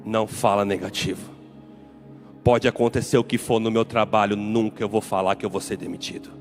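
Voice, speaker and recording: Emphatic Brazilian pastor preaching. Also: male voice, on the low side, fairly even intonation, brisk, faint music behind. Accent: Brazilian Portuguese. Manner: emphatic, repetitive preaching with rising declarations. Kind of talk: sermon.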